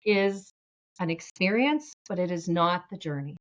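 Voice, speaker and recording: A woman's voice: lowish voice, expressive, a little slow. A woman guest in a casual interview chat, speaking earnestly and reflectively over a video call with slightly dull audio.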